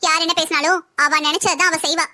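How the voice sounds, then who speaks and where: A woman voicing a bossy, sharp-tongued older sister-in-law who taunts and scolds in a cartoon family story. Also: very high-pitched, steady tone, fast, full character voice. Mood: scolding.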